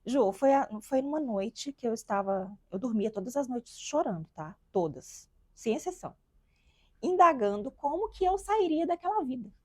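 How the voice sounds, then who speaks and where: Husky-voiced Brazilian woman, heartfelt. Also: high voice, big pitch swings, moderate pace, mellow, no echo. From interior of Minas Gerais, Brazil. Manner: heartfelt, reenacts her own past words. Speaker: guest entrepreneur and mother. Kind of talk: emotional personal testimony.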